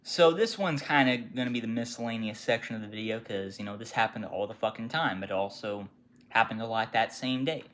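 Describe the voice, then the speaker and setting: A retail worker telling work stories in a casual, profane rant, swinging from loud outbursts to muttered asides. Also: medium pitch, a little fast.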